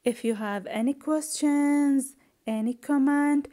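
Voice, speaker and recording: A woman English teacher giving a recorded pronunciation lesson, repeating each word slowly and checking in with "okay?" after nearly every line. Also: high voice, warm tone. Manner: slow, repetitive drilling with frequent "okay?" checks.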